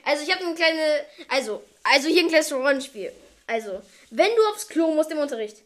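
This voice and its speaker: A female-sounding voice in casual, goofy podcast chat, playful and excitable as a co-host. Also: high-pitched, a little fast.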